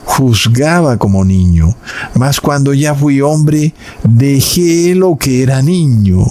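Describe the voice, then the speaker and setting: A man preaching in a sermon-style Bible lesson, addressing his listeners as brothers and slowing down on key words for emphasis. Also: medium pitch, expressive, warm tone, slight background noise.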